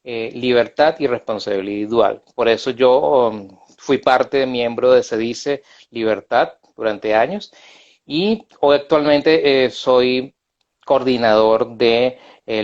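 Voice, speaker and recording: Over a video call, a middle-aged Venezuelan-accented guest speaks in a casual live interview at a measured pace and medium pitch, the audio sounding dull. He's chatty and loose, hesitating often with fillers and slipping in self-asides.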